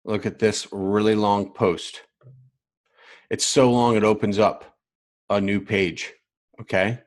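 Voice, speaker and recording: A man's voice: lowish voice, steady tone, slow pace. A man who coaches other coaches, teaching live online from a screen share, with emphatic repetition and frequent check-ins with viewers. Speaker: business coach.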